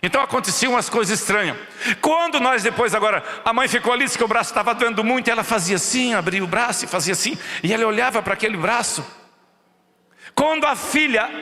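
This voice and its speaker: A man's voice: extremely high pitch, big-room sound. A man with a Brazilian Portuguese accent preaching a sermon as pastor, telling stories and acting out the voices of the people in them. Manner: animated storytelling, acts out quoted voices. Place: church.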